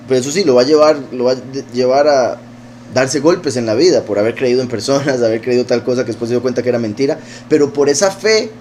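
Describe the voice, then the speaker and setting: A man of middling pitch gives a relaxed, conversational scripture lesson to a congregation. He reads aloud from a text and often stops to comment, hesitating and circling back as he goes. A faint hum runs underneath. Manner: reads a text aloud, then breaks off to explain it; informal and digressive, with frequent hesitations. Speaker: congregation teacher.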